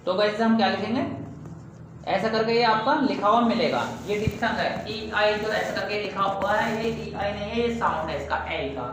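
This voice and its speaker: A man's voice: high voice, moderate pace, noisy background. A man teaching a casual video lesson, calling the viewers "guys" and stretching out and repeating sounds to demonstrate them. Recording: very echoey room.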